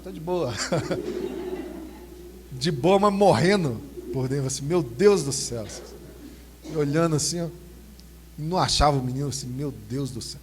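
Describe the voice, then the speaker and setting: A man preaching a sermon in a Brazilian accent, reading scripture slowly and then telling stories animatedly. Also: mid-range voice, a little hiss or hum. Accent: Brazilian Portuguese. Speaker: pastor. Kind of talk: expository sermon with personal anecdotes.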